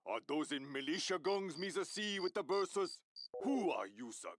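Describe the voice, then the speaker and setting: A man's voice: a little high, expressive, normal speed, close to an everyday voice. A man playing an earnest, indignant amphibian alien village leader in a video game, declaiming in broken pidgin. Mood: determined. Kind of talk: cartoonish video game character acting. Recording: very noisy game audio.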